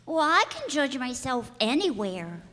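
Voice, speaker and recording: A woman's voice: sits high, very animated, unhurried, bright, forceful tone, full character voice. A woman playing a curious, innocent little boy prince in a radio play, earnest, candid and wide-eyed. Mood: puzzled. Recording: echoey hall, long reverb.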